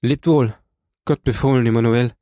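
A man reading an audiobook, voicing a dignified count who speaks in a measured, gently persuasive way. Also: medium pitch, fairly even intonation, dry recording, studio quality, close to an everyday voice. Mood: calm. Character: dignified aristocratic older count, calm and kindly. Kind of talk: audiobook character voice.

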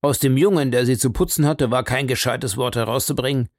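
An outspoken young baronet, plain-spoken and a little impatient, as a male audiobook reader voices him. He talks in a casual, colloquial way with a gravelly edge. The recording is dry and close. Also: medium pitch, brisk, dry recording, natural voice. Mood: complaining.

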